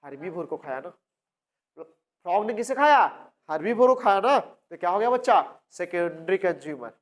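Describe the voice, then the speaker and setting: A man's voice: sits high, expressive, moderate pace. Man teaching, quizzing his class. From India. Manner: asks questions and answers them himself, repeats key points; addresses students as "बच्चा". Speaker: biology teacher. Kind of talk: classroom lecture.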